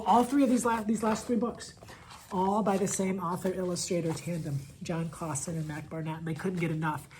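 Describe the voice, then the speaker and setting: A man teacher talking casually and enthusiastically about favorite picture books, gushing with praise and sometimes dropping to a soft near-whisper. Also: a little high, a little hiss or hum, rough recording. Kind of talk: casual book recommendation video.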